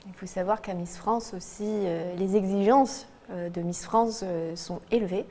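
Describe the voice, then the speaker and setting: Woman, from New Caledonia, talk show guest, hesitant, earnest, middle pitch. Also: fairly even intonation, a little slow, warm tone. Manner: hesitant, many fillers, earnest. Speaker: beauty pageant committee member.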